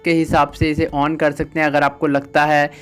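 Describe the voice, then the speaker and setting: A man explains phone settings one step at a time, patient and methodical, with a smooth, clear voice. He sits a little high in pitch and keeps his delivery fairly flat. Faint music plays underneath. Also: normal speed. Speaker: tech tutor.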